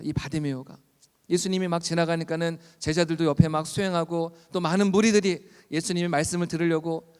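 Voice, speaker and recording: A man preaching a sermon in an earnest, fervent way, building up to loud pleas. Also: high voice, clear, resonant tone. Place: church hall. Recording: long reverb of a church hall.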